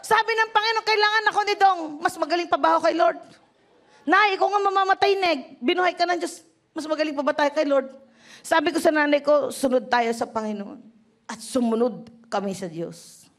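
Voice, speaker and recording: A middle-aged woman pastor, giving an animated testimony sermon. She moves from laughing and shouting to soft, low tones. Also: a little fast.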